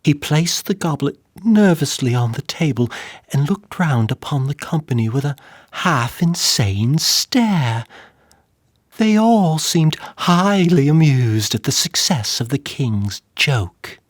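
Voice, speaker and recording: A man narrating a dark tale in a measured, dramatic manner, sinking to whispers. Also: on the high side, lively intonation, dry recording, studio quality. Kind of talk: dramatic story reading.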